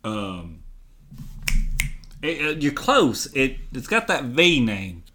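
A man's voice: mid-range voice, sing-song, slow, bright, forceful tone, a little hiss or hum. A man playing a tabletop game, joking and blunt in banter with the others. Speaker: player. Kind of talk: tabletop role-play banter.

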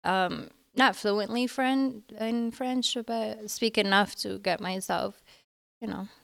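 A woman's voice: medium pitch, fairly even intonation, takes it slowly, gravelly. A woman in her late twenties from Morocco, a native Arabic speaker, chatting casually with a North African, Moroccan Arabic accent and often giggling as she talks. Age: late 20s. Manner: giggly, laughs often while talking. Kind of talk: casual chat.

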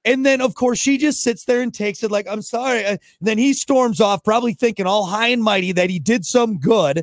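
A man's voice: high-pitched, a little fast, no room sound. A man co-hosting a podcast, ranting and telling stories in casual banter. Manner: ranting, animated storyteller. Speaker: podcast co-host. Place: podcast studio.

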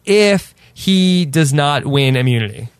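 A man hosting a casual podcast chat, talking quickly and joking with frequent laughs. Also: on the high side, lively intonation, clear, resonant tone, dry recording. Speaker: podcast host.

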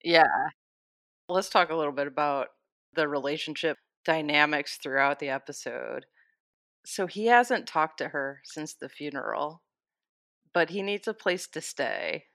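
Woman, podcast co-host, casual recap, deep voice, enthusiastic. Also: unhurried, gravelly, a bit bright, dry recording, clean studio sound. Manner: enthusiastic, steers the discussion.

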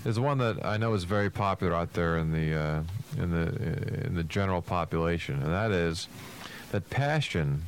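A man's voice: deep voice, moderate pace, smooth. A man co-hosting a casual radio talk show as a business coach, speaking informally and rhetorically.

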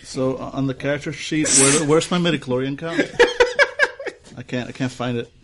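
A man casually introducing his tabletop character in a halting, wry way. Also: mid-range voice, fairly even intonation, heavy background noise. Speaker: tabletop player.

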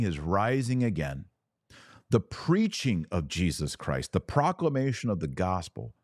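A deep-voiced man hosts a religious commentary podcast, speaking informally and with emphasis as he explains his points and often checks that the listener is following. His voice is a little mellow, and the recording is clean studio sound with no echo.

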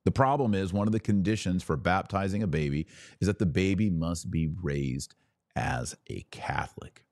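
Gravelly and a little mellow, his low voice moves with lively intonation at a normal speed. He's a podcast host and religious commentator giving an emphatic, preachy monologue aimed directly at his audience, full of rhetorical questions and asides, captured dry in studio quality.

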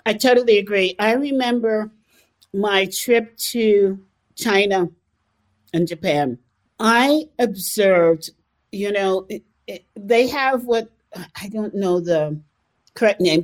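A woman from the United States speaking in an earnest, emphatic conversational way. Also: medium pitch. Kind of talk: conversational discussion.

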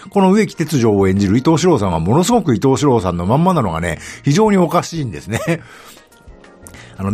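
Man, middle-aged, podcast host, casual rambling chat, many fillers, lowish voice, lively pitch. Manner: chatty, rambling, frequent fillers and asides. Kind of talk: casual solo talk about a TV drama.

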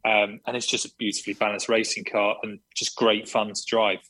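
A man's voice: on the low side, little pitch movement, brisk, bright, forceful tone, rough recording. A man, a racing driver, talking enthusiastically in a remote interview, smiling as he speaks. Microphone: remote call, audio only.

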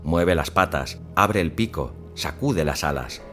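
A man reading a first-person suspense story in a measured, tense storytelling manner. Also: sits low, animated, a bit bright, faint music behind. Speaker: narrator.

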